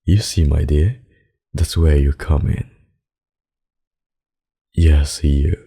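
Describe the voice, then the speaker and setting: A man playing a possessive, sadistic vampire lord in an ASMR roleplay, speaking in a husky murmur with slow, formal menace and mocking endearments. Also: fairly even intonation, dark tone, heavily acted. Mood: possessive, seductive. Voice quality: very deep, husky, gravelly murmur.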